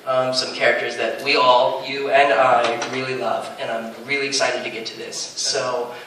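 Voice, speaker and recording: A man's voice: mid-range voice, flat delivery, normal speed. A man, a comic book writer on a panel, talking eagerly and rambling, with many fillers and restarts. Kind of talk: casual panel talk. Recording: echoey hall, speaker far from mic, faint noise.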